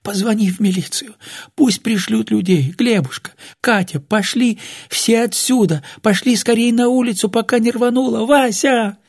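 A man voicing a frantic old woman who pleads and shrieks in a strangled, hoarse voice. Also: normal speed. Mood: pleading. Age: older. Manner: shrill pleading and yelling. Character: panicked old woman, housekeeper, fussy.

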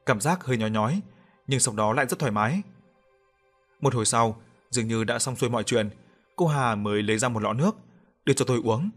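A man's voice: medium pitch, expressive, fast, pauses often. Man narrating a horror story. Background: soft background music.

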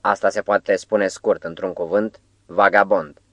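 Audiobook: male reader as a cold, ailing Roman governor, faint voice, low and dry. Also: steady tone, fairly bright tone, no room sound. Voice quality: faint, weary voice. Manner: curt, cold questioning. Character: stern sick middle-aged male Roman governor. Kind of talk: audiobook character reading.

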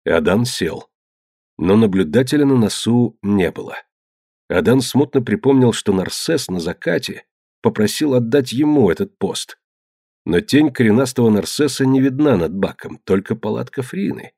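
A man reads an adventure novel aloud in a low, even, measured voice. The recording is dry and close, with no room sound around him. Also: breathy edge, no room sound. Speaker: audiobook narrator. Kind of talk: scripted narration.

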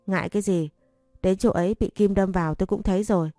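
A woman's voice: medium pitch, fairly even intonation, fast talker, dark tone, no echo, studio quality, faint music behind, natural voice. A woman reading as a teasing rich young husband. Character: confident wealthy young husband, teasing and doting.

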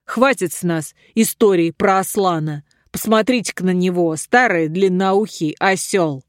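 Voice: medium pitch, measured pace, dry recording, studio quality, close to an everyday voice. A reader doing a sneering surly dwarf. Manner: sneering, mocking.

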